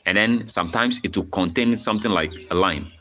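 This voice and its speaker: On his live-stream farming tutorial, a young Ghanaian man who farms poultry and runs the channel talks in a lowish, brisk, pushed and bright voice with a Ghanaian English accent. He goes step by step, repeats himself, reads the chat aloud and drops frequent "okay?" check-ins. Slight background noise sits under the recording.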